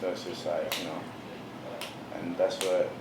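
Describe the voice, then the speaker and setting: In a low-pitched, flat, unhurried delivery, a young man from the Washington DC area talks casually as an interview guest. A laid-back visual artist, he fills his speech with "bro" and "you know," recorded in an echoey room with noticeable background noise.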